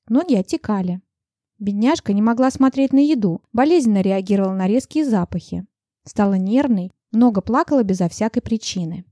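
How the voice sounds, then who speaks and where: Brief: female audiobook narrator, first person, mellow and measured, dry booth sound. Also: on the high side, no room sound.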